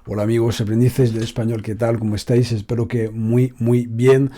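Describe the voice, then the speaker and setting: A man's voice: mid-range voice, flat delivery, fairly quick, dark tone. A man giving a casual video lesson as a Spanish teacher, chatty and informal, talking straight to the viewer.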